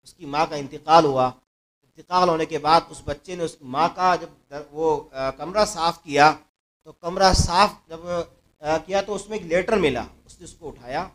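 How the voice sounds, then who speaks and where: A man preaching a sermon to a mosque gathering, telling a moral story earnestly, repeating phrases and letting his voice swell louder at key points. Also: fairly high pitch. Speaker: mufti giving a religious talk.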